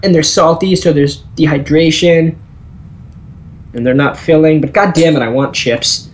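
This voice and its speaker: A man's voice: on the high side, normal speed. A man chatting casually with a friend while gaming, rambling through his points with lots of fillers and giggles. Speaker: gamer.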